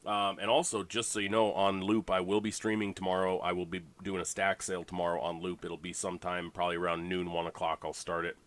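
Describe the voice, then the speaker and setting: Male league host, congested, low-pitched, loose rambling livestream chat with fillers. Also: little pitch movement, fast talker, hardly any pauses, a bit bright. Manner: rambling, full of fillers and restarts.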